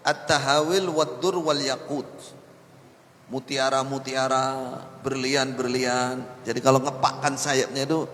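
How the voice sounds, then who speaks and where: A man's voice: medium pitch, fairly bright tone. A man giving a mosque sermon, telling stories with animation and quoting Arabic phrases. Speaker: preacher. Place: mosque hall. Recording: long hall reverb, faint noise.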